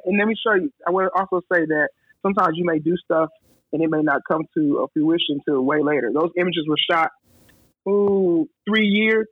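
A man's voice: fairly high pitch, no room sound. A man, a photographer and guest, telling his story in casual conversation and animatedly acting out the lines of the people he quotes. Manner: animated, acts out quoted dialogue. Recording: dry, husky, phone-like line.

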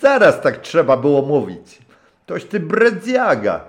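A man voicing a gruff, hoarse old retired river captain who barks and swears. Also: a little high, wildly swooping pitch, a little slow, voice pushed up, heavily acted. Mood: hearty. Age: older. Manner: gruff, barking, swears a lot.

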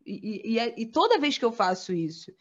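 A woman's voice: on the high side, very animated, fairly quick. A woman in her thirties, a journalist guesting on a podcast, reflecting casually and repeating words for emphasis. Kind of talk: casual chat. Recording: dull lo-fi sound.

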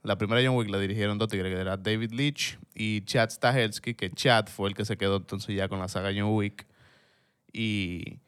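A man's voice: fairly low pitch, steady tone, normal speed, a bit bright, clear, resonant tone. A man with a Dominican accent hosting a casual film podcast, talking in slangy, colloquial speech sprinkled with English words. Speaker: podcast host.

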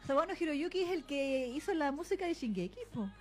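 A woman's voice: high-pitched, animated, fairly quick, music in the background. A Chilean woman co-hosting a podcast who explains and insists on her points in casual chat. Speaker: podcast co-host. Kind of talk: casual anime review chat.

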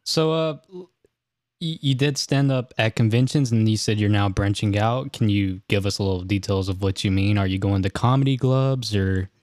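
A man's voice: lowish voice, steady tone, moderate pace, darkish tone, dry recording, clean studio sound. A man hosting a podcast interview, asking questions in a laid-back way and laughing often. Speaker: podcast host. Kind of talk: casual interview chat.

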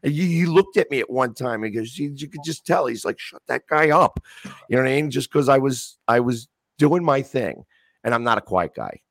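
A man's voice: medium pitch, lively intonation, fairly quick, no echo. A talkative man in casual chat as a sports-fan guest, rambling with many restarts.

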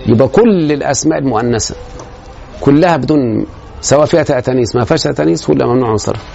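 A man's voice: medium pitch, rapid-fire, gravelly, mellow, muffled recording. A man with an Egyptian Arabic accent giving a grammar lecture to a class. He explains step by step and keeps checking that his students follow.

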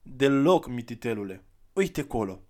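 A man voicing a gentle, weary traveler who is kind and coaxing, in a soft, slightly lifted voice. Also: medium pitch, very animated, close to an everyday voice.

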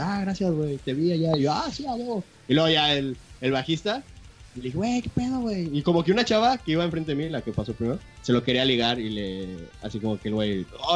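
A young man with a Mexican accent telling a story to friends in casual, slangy chat, excited and swearing freely. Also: a little high. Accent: Mexican Spanish.

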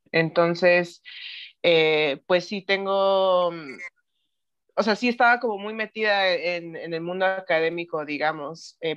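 A woman in her thirties talks as a podcast guest, slow and rambling, slipping in English words. Her voice sits low. The recording is dull and lo-fi. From Mexico City, raised in Tennessee. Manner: unhurried, many fillers and restarts, mixes in English words. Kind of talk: casual chat. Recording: dull lo-fi sound.

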